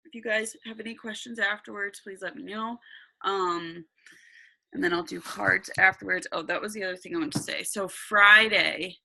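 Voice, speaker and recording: Bright-voiced woman chatting casually, thinking aloud. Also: medium pitch, steady tone, moderate pace, gravelly, low-quality recording. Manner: informal, hesitant, thinking aloud. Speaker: meditation session host. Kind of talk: casual chat to followers.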